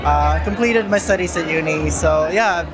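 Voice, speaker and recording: A young man, a guest answering in a relaxed, hesitant way. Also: a little high, moderate pace, low-quality recording. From Philippines. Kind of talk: event interview. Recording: event with music and crowd chatter.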